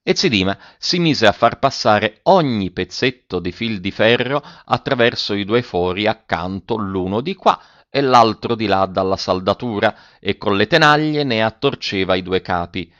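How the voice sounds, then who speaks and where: A man narrating a story in an expressive, dramatic reading. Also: fairly low pitch, moderate pace, hardly any pauses, no room sound, lo-fi sound. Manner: dramatic, animated delivery.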